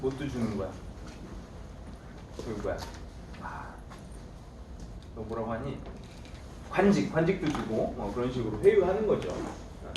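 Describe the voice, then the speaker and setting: A man with a slightly high, animated voice lectures a classroom, firing questions at his students and answering them himself. He teases them in a playful way. He is picked up from a distance in an echoey room with faint background noise. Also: measured pace, pauses often. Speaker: history teacher.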